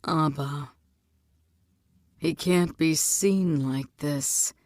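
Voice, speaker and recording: A blunt young prince who presses his case with urgent insistence, as a woman reader puts him on. He is voiced in a low register, and the sound is dry and close. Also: slow, a little mellow, no room sound. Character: young adult prince, worried elder brother, blunt.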